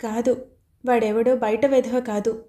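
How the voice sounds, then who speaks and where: Give me a stern elderly mother-in-law, read by a woman, blunt and weary, with a soft, slightly high voice. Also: little pitch movement, measured pace, close to an everyday voice.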